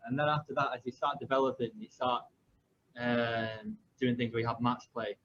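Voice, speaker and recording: Against a noisy background, a man in his 20s speaks at normal speed in a level, mid-range voice. As a football coach and podcast host, he chats casually and tells rambling stories packed with fillers and restarts, and the sound is slightly muffled.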